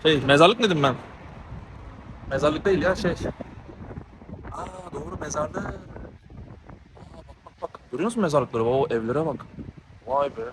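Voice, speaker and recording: A man's voice: fairly high pitch, lively intonation, normal speed, long pauses. A man vlogging as he walks through a small town, out of breath and talking in a heated, ranting way that often repeats itself. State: out of breath from walking. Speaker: travel vlogger. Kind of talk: walking vlog monologue. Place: outdoors on town streets. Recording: noisy outdoor street recording.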